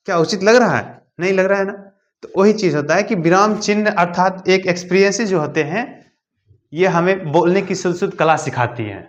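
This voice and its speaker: A man's voice: fairly high pitch, muffled recording. A man teaching a grammar lesson, asking his students questions and answering them himself, stressing key points by repeating them. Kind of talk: explanatory classroom lesson.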